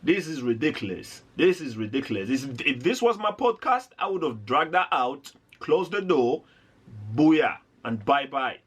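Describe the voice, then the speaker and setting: A man's voice: a little high, big pitch swings, unhurried, a bit bright, breathy edge. A man hosting a reaction video, giving indignant, rambling commentary with lots of restarts.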